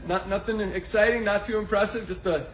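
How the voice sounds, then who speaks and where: An echoing warehouse space with faint noise surrounds a man with a fairly high voice. He talks casually and modestly, like an owner showing a visitor around, keeping things matter-of-fact. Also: fairly even intonation, a little fast, fairly bright tone. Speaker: company owner giving a warehouse tour. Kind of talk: casual walk-through tour talk. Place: indoors, office and warehouse. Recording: echoey warehouse, background noise.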